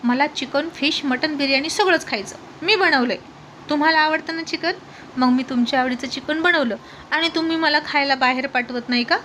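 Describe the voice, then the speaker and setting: A woman's voice: high-pitched, normal speed, a bit bright, a little hiss or hum, voice pushed up. A woman voicing a tipsy young wife who talks in a childish, pleading, petulant way in a storybook reading. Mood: drunk, whiny. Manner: sing-song, pleading, petulant. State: drunk. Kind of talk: storybook narration.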